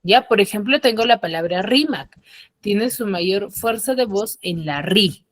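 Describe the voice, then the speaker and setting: A woman teaching a class over a video call, patient and steady, who pauses often to check that her students understand. Her voice sits at a middle pitch, and the computer mic sounds dry and close. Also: no echo. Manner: patient, asks frequent check questions. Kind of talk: online class explanation.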